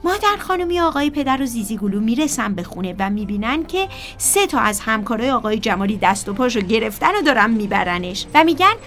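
A woman narrating a children's story in a lively way, talking straight to the kids. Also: a little high, faint music behind. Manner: lively, addresses children directly.

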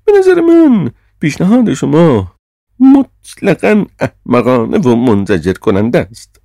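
A man's voice: fairly high pitch, wildly swooping pitch, vocal fry, dark tone, no echo, clean studio sound, voice pushed up, heavily acted. A man reading an audiobook, voicing a stern, pompous British official man with a raised, clipped, indignant delivery.

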